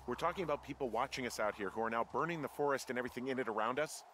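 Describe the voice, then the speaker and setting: A man's voice: mid-range voice, very fast, a bit bright, a little hiss or hum, lightly acted. An actor voicing a wary male fire lookout, speaking in a dry, sarcastic, understated way. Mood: wry. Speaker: game character.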